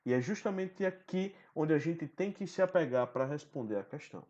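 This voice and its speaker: A man's voice: a little high, lively intonation, brisk, a little mellow. A man teaching a recorded online lesson, explaining step by step and often checking in with the listener. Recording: dull lo-fi sound.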